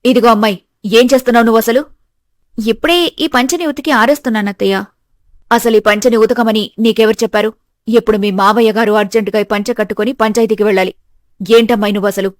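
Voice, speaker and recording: A woman voicing a harsh middle-aged mother-in-law who scolds loudly. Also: on the high side, fairly even intonation, quick pace, no echo, clean studio sound, lightly acted. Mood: scolding. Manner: scolding, loud.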